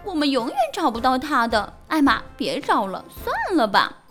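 Woman doing a squealing silly elephant; very high, jumpy. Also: sing-song, moderate pace, a bit bright, soft background music. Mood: giving up. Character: excitable, silly elephant friend.

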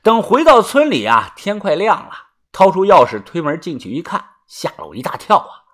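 A man narrating a first-person audiobook story in a colloquial way, filling pauses with drawn-out particles. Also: high voice, huge pitch swings, a bit bright.

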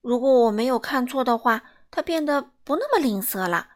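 A woman's voice: high voice, animated, fairly quick. A woman voicing a fussy male wizard who rambles and hesitates while lecturing. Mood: musing.

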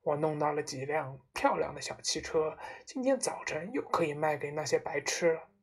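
A woman voicing a pompous, boastful middle-aged male car dealer who blusters and shouts indignantly. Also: deep voice, moderate pace, breathy edge. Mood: smug. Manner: bragging, then indignant shouting.

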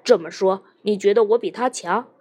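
A woman voicing a jealous, quick-tempered husband in an audiobook, speaking in a sharp, needling, sarcastic way. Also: sits high, lively intonation. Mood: bitter.

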